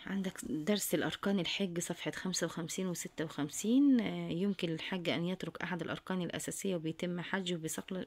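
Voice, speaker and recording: A woman teacher with an Egyptian accent, reading workbook answers aloud and repeating each one for her students, whom she addresses fondly. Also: on the low side. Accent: Egyptian Arabic. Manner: reads questions then answers in a dictating tone.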